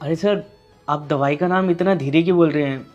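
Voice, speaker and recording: A man's voice: fairly high pitch, brisk, darkish tone, muffled recording, faint music behind. A man playing a shopkeeper and later a worried husband in a short social-message skit, by turns dismissive and pleading. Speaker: chemist, later patient's husband.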